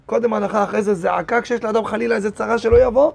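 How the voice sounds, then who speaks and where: Reading verses aloud and peppering his audience with rhetorical questions, a rabbi teaches an animated Torah lesson in a synagogue. His voice is high and gravelly.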